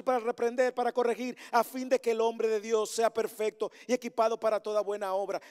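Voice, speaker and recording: A man preaching a sermon as pastor to his congregation, with insistent repeated refrains and questions, swinging between emphatic calls and soft, earnest asides. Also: very high-pitched, clean tone. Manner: repetitive rhetorical refrains and direct questions to the congregation. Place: church meeting hall with a congregation. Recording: long hall reverb.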